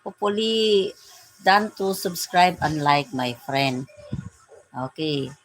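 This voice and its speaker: A woman's voice: deep voice, animated, slow pace, dry recording, low-quality recording. A Filipino woman in her forties hosting a casual live-stream vlog, greeting her viewers with a repeated "my dear, my friend". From Philippines. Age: 40s.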